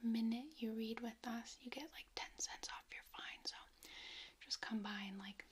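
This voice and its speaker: A woman speaking in a hushed library whisper, doing a whispered role-play as a friendly, chatty librarian. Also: fairly high pitch, steady tone, normal speed. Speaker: ASMR performer playing a librarian. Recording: clear background noise, handling clicks.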